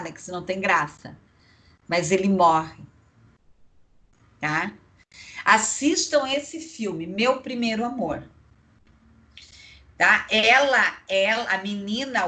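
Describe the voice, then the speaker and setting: A woman's voice: medium pitch, sharp tone. A woman giving an online psychology lecture, chatty and digressive, tagging her sentences with little checks to the class. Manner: chatty, digressive, tag questions.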